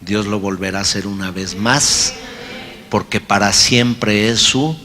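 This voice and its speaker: A male pastor preaching a sermon, slow and emphatic, rising into loud shouted cries. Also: on the low side. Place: large church hall. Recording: long hall reverb, faint music.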